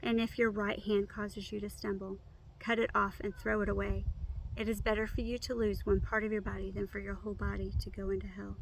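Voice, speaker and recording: A woman reciting memorized scripture by rote, in measured, complete phrases. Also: mid-range voice, little pitch movement, gravelly, a little hiss or hum, low-quality recording.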